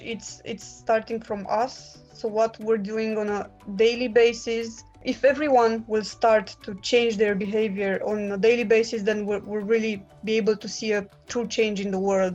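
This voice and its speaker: A woman's voice: medium pitch, darkish tone, lo-fi sound. A woman in her twenties with a Romanian accent, a master's student sharing her views in casual English, earnest and full of fillers and restarts. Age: 20s. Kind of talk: casual personal testimony.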